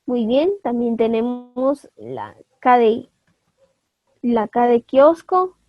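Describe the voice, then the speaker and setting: A woman's voice: a little high, sing-song, takes it slowly, no echo, muffled recording. A woman teacher giving an online class, explaining step by step, spelling out syllables and often asking her students for confirmation.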